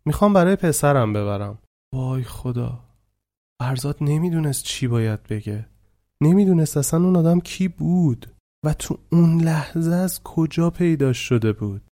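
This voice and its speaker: A man's voice: a little high, animated, warm tone. A man narrating a dramatic true story in a vivid, conversational way.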